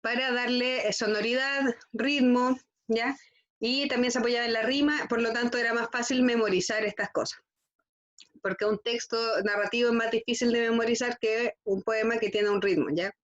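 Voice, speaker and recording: A woman's voice: fairly high pitch, steady tone, moderate pace, a bit bright. Woman teacher, slightly muffled. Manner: frequent checking "¿ya?" with students. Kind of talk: classroom lesson.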